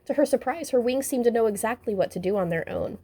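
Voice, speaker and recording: A woman reading a children's picture book aloud, gentle and expressive. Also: on the high side, fast, breathy edge. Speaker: storybook reader. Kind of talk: children's story read-aloud.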